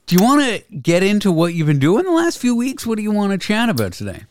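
A man's voice: sits high, huge pitch swings, quick pace. A North American man chatting casually as a podcast co-host. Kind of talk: casual chat.

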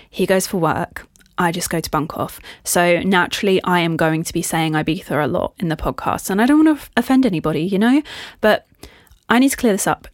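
A young woman talks on her own in a casual, rambling way and pokes fun at herself. Her voice sits fairly low for a woman. The sound is close and dry, with no room echo. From Britain. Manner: chatty, rambling, self-mocking. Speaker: podcast host. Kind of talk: casual solo chat.

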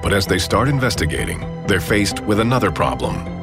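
A man giving grave, measured scripted narration for a medical documentary. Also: fairly low pitch, big pitch swings, gravelly. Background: music.

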